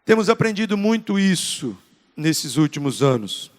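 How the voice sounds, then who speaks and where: High-pitched brazilian pastor guy preaching, earnest, repeats stuff for emphasis, big echoey church. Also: sing-song, normal speed. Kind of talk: sermon. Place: large church hall. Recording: long reverb of a church hall.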